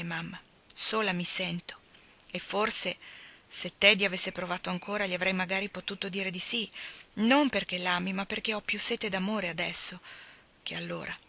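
A woman reading as a wistful young woman who aches to be loved speaks softly and confidingly. The voice sits a little low yet rings bright. It sounds close to a plain reading voice. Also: fairly quick. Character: restless young woman longing for love.

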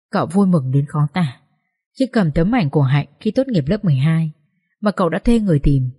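Low-voiced woman narrating a story. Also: mellow, husky. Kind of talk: scripted audiobook narration.

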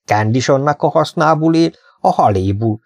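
A man reading an audiobook, voicing a small, weathered, barefoot marsh fisherman who grumbles with gruff scorn. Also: fairly high pitch, animated, darkish tone, dry recording, clean studio sound, voice pushed up. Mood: scornful. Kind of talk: audiobook character voice.

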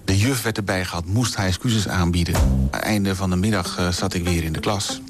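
A man telling a personal anecdote on radio in a lively, vivid way. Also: sits low, brisk, music in the background. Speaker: storyteller. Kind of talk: radio storytelling.

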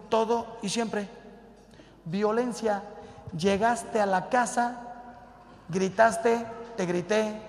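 A priest with a fairly high voice and a gravelly edge preaches in a big echoing hall. He speaks at an unhurried pace and leans on rhetorical questions. He acts out both sides of imagined conversations with his listeners. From Mexico. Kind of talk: sermon talk to a live audience. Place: large hall with an audience. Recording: reverberant hall.

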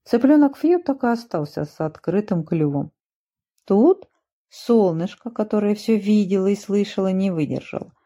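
Gentle woman reading children's tales. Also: medium pitch, moderate pace. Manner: gentle, expressive storybook reading. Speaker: storyteller. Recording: muffled dull recording.

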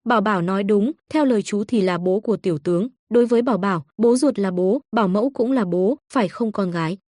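A woman's voice: mid-range voice, fast, mellow, no echo, clean studio sound, close to an everyday voice. A synthetic woman's voice reading the lines of a teasing, amused young father in a storybook.

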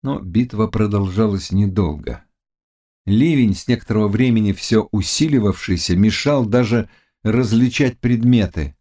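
A man reading a classic novel aloud as an audiobook narrator, in a dramatic, measured manner. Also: on the low side, warm tone. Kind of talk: scripted literary narration.

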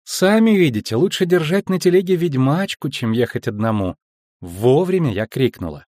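A cheeky young girl teases and mocks in a raised, bright voice, put on by a male audiobook reader. A husky edge stays under it. The sound is dry and close. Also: fairly high pitch, big pitch swings, normal speed, no echo, pitched above the performer's own voice. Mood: sassy. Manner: mocking, sassy, raised voice.

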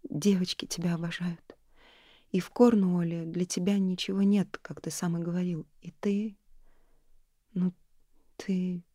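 A woman voicing a guarded, frightened young woman in an audiobook, often speaking in a hushed, breathy whisper. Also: on the low side, flat delivery, unhurried, long pauses, no room sound, clean studio sound. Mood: pleading. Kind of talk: audiobook character reading.

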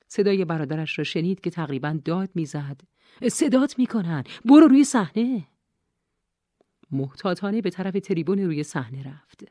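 A woman narrating an audiobook in an even, measured reading. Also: sits low, dry recording, studio quality.

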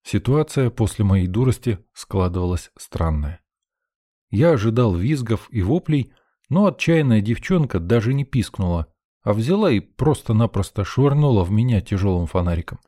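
Man, audiobook narration, gruff, sardonic, dark warm tone. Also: fairly low pitch, lively intonation, normal speed, no room sound, clean studio sound.

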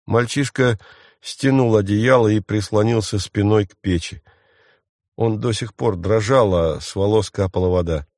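A man narrating an audiobook in a steady storytelling manner. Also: fairly low pitch, unhurried, dry recording, clean studio sound.

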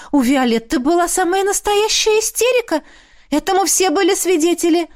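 A woman voicing a haughty young noblewoman concubine who turns whiny and frightened. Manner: high, haughty, then whimpering.

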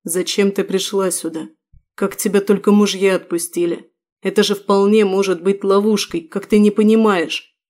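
A woman's voice: medium pitch, normal speed, close to an everyday voice. A woman voicing a despairing male prisoner who speaks in a hollow, bitter voice. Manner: flat, hollow voice.

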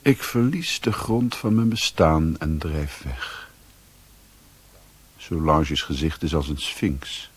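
A very deep, slightly rough full character voice tells a first-person tale in a literary radio drama. The actor plays a brooding European drifter recounting his own story, slow and introspective in delivery, with a detached mood.

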